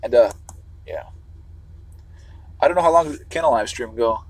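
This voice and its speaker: A man's voice: mid-range voice, moderate pace, slightly rough, dry recording, low-quality recording. A man from the Chicago area, talking in a rambling livestream monologue while driving. He swears freely and keeps restarting sentences. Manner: meandering, restarts, swears often.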